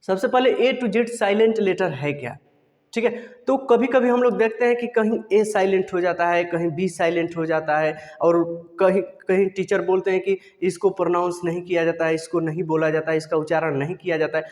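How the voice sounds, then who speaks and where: A man's voice: high-pitched, fairly quick, a little mellow, in a large hall. A man teaching a video lesson, asking questions and answering them himself.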